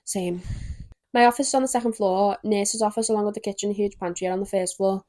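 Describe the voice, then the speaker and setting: A woman's voice: mid-range voice, steady tone, fast, a little mellow, dry recording. A young woman hosting a spooky stories podcast, chatting casually and reading stories aloud with giggly asides. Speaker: podcast host.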